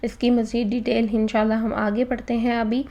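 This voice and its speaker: A woman's voice: fairly high pitch, little pitch movement, mellow, highs cut off. A woman teaching Quran recitation in a recorded lesson, explaining patiently step by step and mixing in English words.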